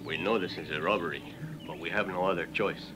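An actor dubbing a grim Mexican revolutionary bandit, speaking in a solemn, apologetic way. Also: male voice, sits low, brisk, natural voice. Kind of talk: dubbed film acting. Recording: dub with loud film music.

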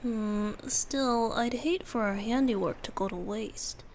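Woman voicing Venti, a slow, playful boyish bard. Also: a little high, slight background noise. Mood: gentle, playful. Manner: soft, gentle, teasing, often breathy. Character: playful, tender youthful male bard, a wind spirit. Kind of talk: romantic ASMR roleplay.

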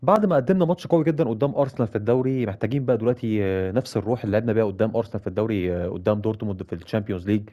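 Fast, excitable Egyptian gamer man. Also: lowish voice. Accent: Egyptian Arabic. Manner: excitable, cheers and shouts at his players. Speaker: gaming YouTuber playing a football manager career mode. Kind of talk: live gameplay commentary.

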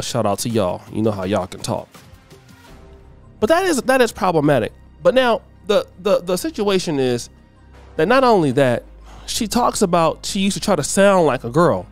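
Running his own commentary channel, a middle-aged man preaches his opinions bluntly in a monologue, his voice rising in pitch as he grows heated.

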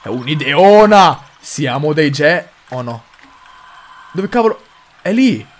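Young guy doing horror game commentary, jumpy and loud at scares, kinda high voice. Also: slow pace. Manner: excitable, swears mildly, addresses viewers. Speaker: gaming video host.

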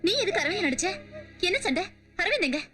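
A woman's voice: very high-pitched, big pitch swings, fast, music in the background. A fierce, defiant young woman. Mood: worried. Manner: sharp, confrontational. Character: defiant young woman guarding her niece. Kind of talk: dubbed film acting.

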